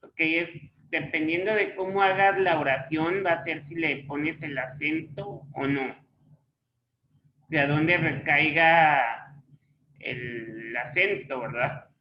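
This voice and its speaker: A man's voice: a little high, fairly even intonation. A man teaching a class, patiently walking students through examples and checking they follow. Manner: patient, slow explaining with rhetorical checks. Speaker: Spanish teacher. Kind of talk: online class explanation. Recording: echoey room, dull lo-fi sound.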